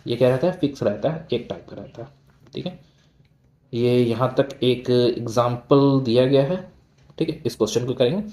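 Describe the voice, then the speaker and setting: A male teacher giving a line-by-line textbook lesson. He reads each line slowly, then explains it casually, asking questions and answering them himself. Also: mid-range voice, warm tone. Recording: echoey room.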